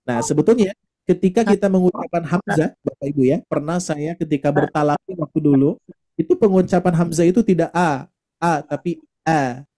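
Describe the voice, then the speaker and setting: A man teaches a recitation class online, explaining each point patiently and sounding out letters for his students. His voice sits a little high but comes across dark and mellow. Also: brisk.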